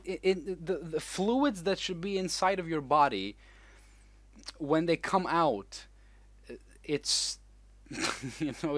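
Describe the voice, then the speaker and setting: A man's voice: fairly high pitch, a bit bright, dry recording. A young man co-hosting a casual podcast chat, talking bluntly and crudely with lots of swearing and false starts. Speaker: co-host.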